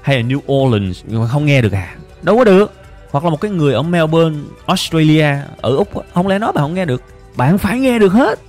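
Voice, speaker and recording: A man's voice: fairly high pitch, very animated, fairly quick, darkish tone, soft background music. A man, teaching an English listening method in an emphatic, coaxing way, speaking straight to viewers. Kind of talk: lively motivational lesson.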